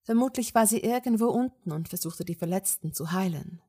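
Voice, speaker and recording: Woman voicing Hermine, brisk, level young witch. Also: medium pitch, animated, warm tone, breathy edge. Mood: firm.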